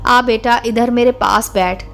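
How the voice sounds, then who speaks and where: A kindly old holy man gives soft, fatherly counsel in a storybook tale, as a woman reads him. The voice sits fairly high, with faint music playing underneath. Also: fairly even intonation, unhurried, creaky. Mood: gentle. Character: wise old bearded male holy man, gentle.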